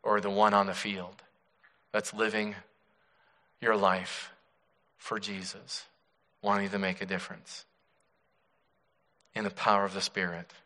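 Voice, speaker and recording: A male pastor preaching a sermon in earnest, unhurried phrases with dramatic pauses. His tone is bright and forceful. A long church reverb hangs after his words. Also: fairly low pitch.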